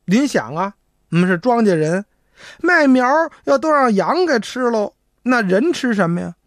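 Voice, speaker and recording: A man's voice: very high-pitched, sing-song, normal speed, fairly bright tone, dry recording, studio quality, pitched above the performer's own voice, full character voice. A man voicing a timid old farmer of nearly sixty who is hard of hearing and pleads in a stammering, rustic way. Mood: pleading.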